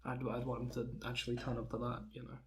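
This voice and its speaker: A young man co-hosting a podcast, joking deadpan in a rambling, casual way with plenty of filler words. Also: medium pitch, fast talker, a little hiss or hum. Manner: rambling, deadpan jokes, frequent "um" and laughter. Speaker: podcast co-host. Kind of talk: casual comedic chat.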